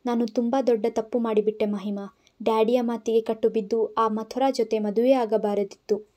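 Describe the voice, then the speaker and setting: A woman voicing a sly young husband faking remorse in an audio story, speaking in a pleading, hushed way. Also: fairly high pitch, natural voice.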